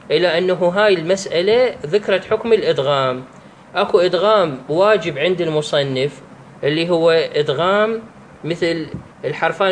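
A man with an Iraqi Arabic accent teaching the rules of Quran recitation, drawing out each example slowly and pausing to restart his sentences. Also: high-pitched, a little hiss or hum. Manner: slow, drawn-out recitation of examples; halting, with restarts and fillers. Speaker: religious teacher.

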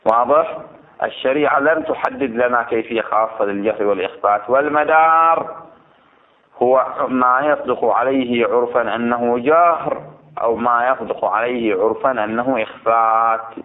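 A man's voice: mid-range voice, normal speed. A man teaching religious law to students. He explains a text, repeats his points and keeps checking whether they follow. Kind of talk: seminary lesson explaining a text. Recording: tinny phone-like recording.

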